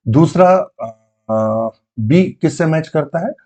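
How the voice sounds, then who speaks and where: A man teaching biology for an exam-prep class, repeating key terms and firing quick questions back at his students. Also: on the high side, animated, dark tone.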